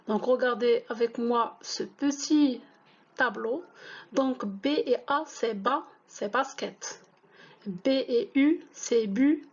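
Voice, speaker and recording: A woman whose first language is Moroccan Arabic, teaching French reading, spelling out letters and syllables slowly and deliberately. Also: on the high side, darkish tone, dull audio. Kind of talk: slow classroom-style reading lesson.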